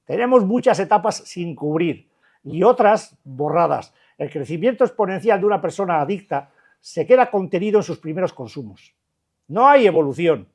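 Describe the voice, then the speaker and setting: Older man, Basque Spanish accent, recovery-group speaker, blunt and colloquial, a bit high-pitched. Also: lively intonation, normal speed, a little mellow. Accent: Spanish, Basque Country. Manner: colloquial and blunt, many restarts and rhetorical questions. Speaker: addiction recovery counselor. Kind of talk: informal talk to a recovery group.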